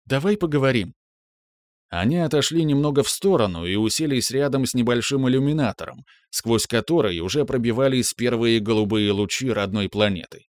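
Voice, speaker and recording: A man's voice: medium pitch, animated, brisk, hardly any pauses, darkish tone, no echo, studio quality. A man narrating a scripted dramatic story as an audiobook narrator.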